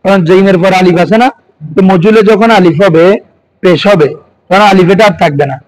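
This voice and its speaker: A man's voice: high-pitched, brisk, darkish tone, rough recording. A man with a Bangladeshi Bengali accent teaching a class, constantly asking his students questions as he explains. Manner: quizzing students with frequent questions. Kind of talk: classroom lesson.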